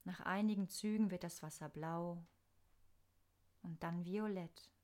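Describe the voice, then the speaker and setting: A woman narrating a scripted guided meditation in a soft, soothing, unhurried manner with pauses. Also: on the low side, fairly even intonation.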